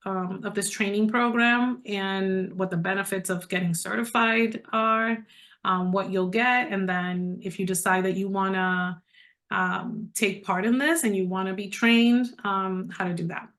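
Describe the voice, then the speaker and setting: A middle-aged woman from the Dominican Republic speaks at a mid-range pitch, talking straight to her listeners as she presents a coaching program. She stays conversational and persuasive. The sound comes through a video call. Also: steady tone, measured pace, a bit bright. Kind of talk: online presentation to a group.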